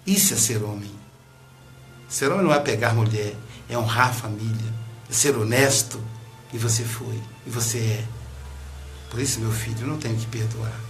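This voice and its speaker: A man voicing a grieving Brazilian father who speaks with tender remorse, over soft music. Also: fairly low pitch, moderate pace, natural voice. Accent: Brazilian Portuguese.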